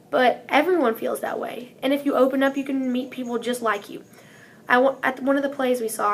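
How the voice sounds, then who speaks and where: A teenage girl gives an earnest, upbeat prepared speech as a student speaker, reading from a script. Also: a little high. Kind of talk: prepared speech read aloud.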